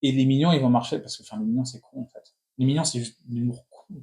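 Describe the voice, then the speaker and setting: A man's voice: medium pitch, dark tone. A man in his thirties hosting a casual film critique, talking in opinionated bursts full of restarts. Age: 30s. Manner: opinionated, talks in quick restless bursts with many restarts. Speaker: film review host.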